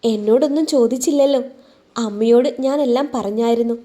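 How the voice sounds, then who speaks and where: A shy, wounded young woman in a spoken story, played by the woman narrator, speaking softly and sulkily. The pitch sits high and the tone is dark and mellow. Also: fairly quick, close to an everyday voice. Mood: hurt. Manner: soft, pouting, tearful. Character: young woman, timid, hurt and sulky.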